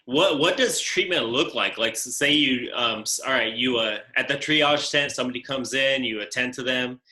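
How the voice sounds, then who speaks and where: A man's voice: mid-range voice, sharp tone. A man hosting a podcast and asking questions in an easygoing, casual way. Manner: easygoing, quick backchannel replies. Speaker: podcast host. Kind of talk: casual interview. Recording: echoey room.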